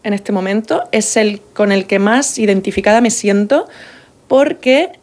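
A woman from Murcia with a Spain Spanish accent, an author talking in a casual interview in a lively, playful way and laughing often. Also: medium pitch, a little slow. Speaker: author and guest.

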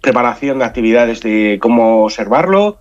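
A man's voice: mid-range voice, animated, moderate pace. A man from Spain with a nasal voice stuffed up by a cold, explaining things conversationally in a radio interview and often repeating words. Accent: Spanish from Spain. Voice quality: nasal, congested. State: has a head cold. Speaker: science outreach association spokesman, radio guest. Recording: muffled, dull band-limited sound.

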